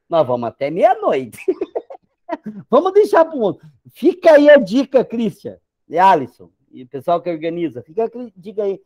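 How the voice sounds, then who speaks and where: A man's voice: high-pitched, mellow. A man with a Brazilian Portuguese accent, a pastor giving an informal, joking sermon talk with conversational asides.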